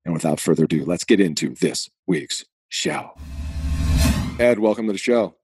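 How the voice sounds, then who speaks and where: A male podcast host with a Boston accent and a slightly low voice. He talks in a casual, conversational way. The sound is dry and close. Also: animated, moderate pace, a little mellow, breathy edge, no echo.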